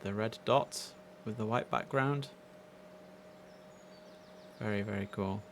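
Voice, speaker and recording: This young man's lowish, gravelly voice takes things slowly as he streams a game live indoors, chatting with enthusiasm from his computer. A faint hiss or hum is audible.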